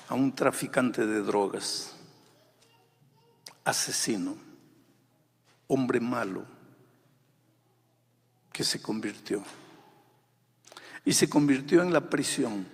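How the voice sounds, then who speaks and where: Man, pastor, sermon, husky, passionate, swings from loud to hushed, echoing hall. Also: mid-range voice, drawn-out words, pauses often. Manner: impassioned preaching, swells loud then drops to near whisper.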